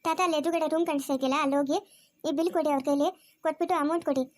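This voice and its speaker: A woman's voice: high voice, fairly even intonation, very fast, no echo, clean studio sound, natural voice. A woman playing a stern, scolding hospital nurse. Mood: businesslike. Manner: scolding, sharp questions.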